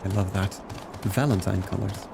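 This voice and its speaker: A low, steady male voice with vocal fry moves at a moderate pace over background noise. He's a streamer chatting casually during gameplay, reacting aloud to the game and his viewers as game music runs underneath.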